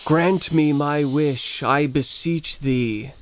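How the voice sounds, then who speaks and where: In a radio play, an actor with an American accent plays a lovelorn, self-mocking American man on an island vacation, delivering it mock solemn. His voice is on the high side and slow, over a noisy background.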